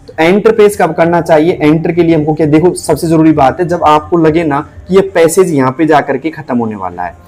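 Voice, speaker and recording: A man with a Rajasthani Hindi accent, teaching typing in a casual way, repeating points and spelling letters out slowly. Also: a little high, animated, a little mellow. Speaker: typing tutor.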